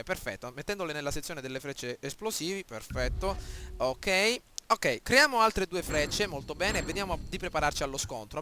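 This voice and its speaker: A man with an Italian accent doing live gameplay commentary, shouting and yelping in fights and talking calmly while crafting. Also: high voice, noisy background. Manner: excitable, shouts and yelps in fights, calm when crafting.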